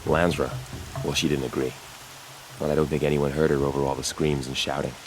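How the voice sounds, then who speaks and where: Varl, a deep-voiced, earnest warrior. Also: male voice, little pitch movement, a little fast, over music, rough recording. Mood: grave. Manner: solemn, earnest. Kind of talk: dramatic video game acting.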